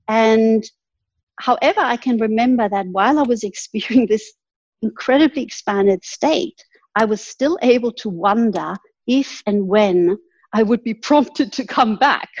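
A woman with a husky, slightly breathy voice at a middle pitch tells her story earnestly and laughs lightly now and then. The sound is dry and close, with a dull, lo-fi tone. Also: darkish tone, no room sound. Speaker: guest. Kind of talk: reflective storytelling in an interview.

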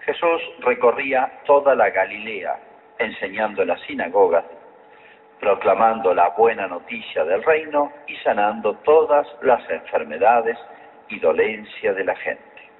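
A man, a priest, reading the Gospel at Mass in a measured, solemn way, with a long cathedral echo around his voice. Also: lowish voice, expressive. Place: large church. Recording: thin phone-like sound, cathedral reverb, faint hiss.

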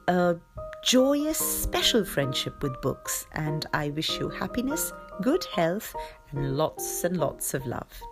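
A woman with a slightly low voice reads and chats as a children's storytelling host. Her manner is cheery and affectionate toward young listeners. Plucked guitar music plays clearly behind her. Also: sing-song, slow pace. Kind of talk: reading and chatting for children.

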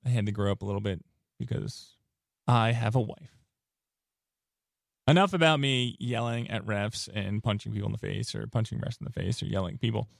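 A man's voice: mid-range voice, gravelly, no echo, studio quality. A man hosting a podcast, telling rambling, joking stories in a casual chat. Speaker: podcast host.

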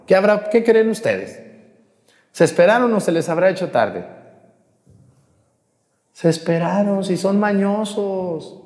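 A priest preaches to his congregation in a fairly high, lively voice, throwing questions at them and teasing them. The church gives his voice a long, lingering reverb. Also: unhurried, long pauses. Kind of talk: sermon during mass.

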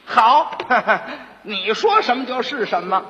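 A man with a Beijing accent voicing a scornful, sharp-tongued county magistrate who mocks and laughs coldly. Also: very high-pitched, very animated, measured pace, exaggerated voice. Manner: mocking, laughing, cold sneers. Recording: dull lo-fi recording with long reverb.

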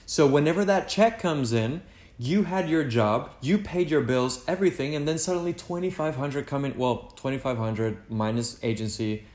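A man's voice: medium pitch, normal speed, a little mellow. A young man chatting casually as a podcast co-host, rambling and full of "like" and "you know", a native Spanish speaker. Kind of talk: casual chat. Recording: echoey room.

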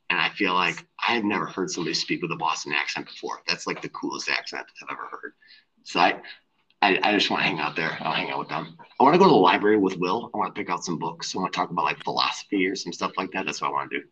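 Very low man's voice, husky, bright, rambling casual chat full of fillers, dull lo-fi call audio. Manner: rambling, filler-heavy, laughs easily. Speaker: teacher, podcast guest. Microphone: headphones on an online call.

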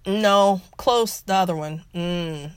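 Hoarse woman podcast host, dry sound. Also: lowish voice, slow pace, no room sound. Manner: playful, laughing often. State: hoarse, getting over a cold. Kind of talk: casual chat.

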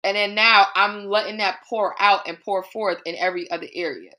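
A woman hosting a faith podcast, speaking in a conversational, animated way about her struggles and God. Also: medium pitch, fairly quick. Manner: conversational, animated, preachy asides. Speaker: podcast host. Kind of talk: faith-based personal reflection.

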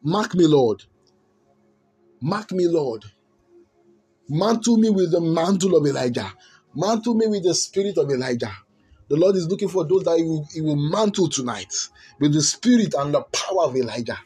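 A man's voice: a little high, animated, a little fast, breathy edge. A man preaching as a commanding faith healer, praying and prophesying fervently with repeated phrases and bursts of speaking in tongues. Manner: forceful, commanding faith healer casting out spirits; repetitive, fervent incantatory phrasing. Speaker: preacher and prophetic minister leading prayer. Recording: music under the voice. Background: background music.

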